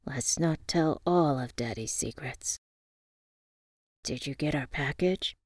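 A woman voicing an affectionate, soft-spoken young father with a hushed delivery in an audio story. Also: slow pace, no echo, clean studio sound. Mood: gently teasing. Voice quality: hushed, low.

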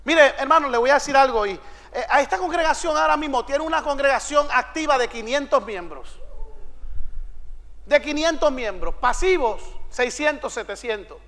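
A man preaching a sermon as a pastor to his congregation in a church, building to emphatic shouted declarations and bantering playfully with the listeners. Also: extremely high pitch, animated, moderate pace. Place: church sanctuary. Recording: long hall reverb.

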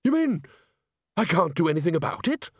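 A man voicing a fussy older man who has just become a ghost, in a high, startled and indignant voice. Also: very animated, takes it slowly, a little mellow, husky, no echo, studio quality, full character voice.

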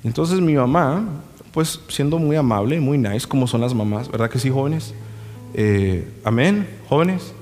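A man's voice: medium pitch, lively intonation, a little slow, darkish tone. A male pastor preaching a sermon, moving between impassioned emphatic lines and folksy storytelling asides. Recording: reverberant hall with faint music.

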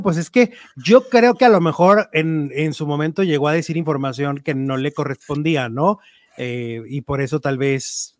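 Chatty, gossiping man, higher voice. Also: no echo, studio quality. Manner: talkative, opinionated, many fillers. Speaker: entertainment news commentator. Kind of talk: casual gossip chat.

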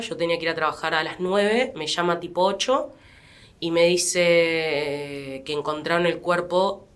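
A young adult woman with an Argentine accent, speaking as an interview guest in a quiet, reflective way with fillers and restarts. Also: sits low. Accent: Argentine Spanish. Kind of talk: personal testimony in a podcast interview.

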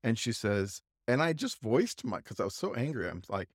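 A man co-hosting a podcast, telling a casual, halting anecdote full of restarts and asides. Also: medium pitch, sing-song, no room sound, clean studio sound. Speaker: podcast co-host. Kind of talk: casual storytelling chat.

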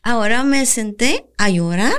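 A woman's voice: on the high side, lively intonation, a little slow, a bit bright, clear, resonant tone. A woman pastor with a Latin American Spanish accent giving an earnest testimony on a church radio program, acting out her own prayers as she tells the story.

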